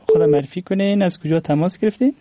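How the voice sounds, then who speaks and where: A man with an Afghan Dari accent hosting a radio phone-in, politely questioning callers in halting phrases. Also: sits high, dry recording, lo-fi sound. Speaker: radio call-in show host.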